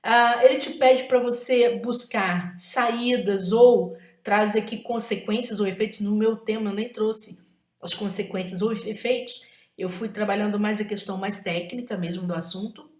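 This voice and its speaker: A woman's voice: mid-range voice, steady tone, moderate pace, roomy sound. A woman with a Brazilian Portuguese accent gives an exam-prep writing lesson, emphatic and often checking in with tag questions.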